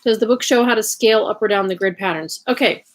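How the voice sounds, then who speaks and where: A woman with a Southern US accent and a creaky voice hosts a casual livestream, explaining things in a chatty way with rambling asides. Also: mid-range voice, quick pace. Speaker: livestream host sharing sewing resources. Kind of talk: casual explanatory chat to camera. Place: indoors at home, in bed in a bedroom.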